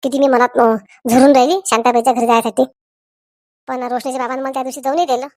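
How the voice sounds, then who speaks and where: A woman doing a nosy village aunt, high and dry. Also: level tone, fast talker, warm tone, no room sound, natural voice. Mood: grumbling. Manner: nosy, chatty, scolding. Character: gossipy middle-aged village aunt, meddling. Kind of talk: cartoon voice acting.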